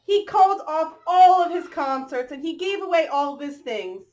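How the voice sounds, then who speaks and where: Reading a kids' picture book with lively intonation, a woman with a high voice and darkish tone speaks at normal speed. She makes expressive asides and draws listeners in by asking questions and exclaiming.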